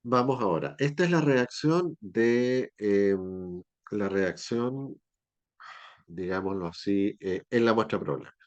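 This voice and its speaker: Male teacher, low voice, lecturing a classroom in a dull lo-fi recording; patient, keeps checking in with the class. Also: lively intonation, slow pace. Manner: explanatory, checks in with students often. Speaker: university chemistry teacher.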